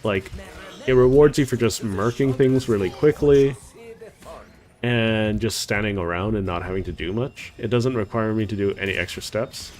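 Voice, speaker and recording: A man's voice: on the low side, moderate pace, a little mellow. A man giving casual gameplay commentary as a streamer, rambling with many "like"s and "uh"s. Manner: rambling, heavy on "like" and "uh".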